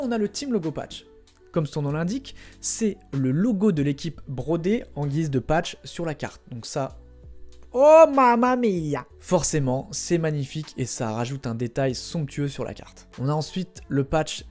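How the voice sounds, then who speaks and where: A man's voice: a little high, warm tone. A young man hosting a casual explainer vlog, chatting directly to viewers in a playful way and tossing in spoken sound effects. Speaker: trading card collector and channel host.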